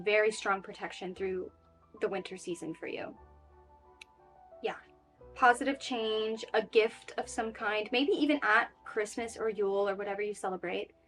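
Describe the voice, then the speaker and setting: A woman's voice: medium pitch, fairly bright tone. A woman giving a casual, reassuring tarot reading in a chatty way, with frequent fillers. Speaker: tarot reader.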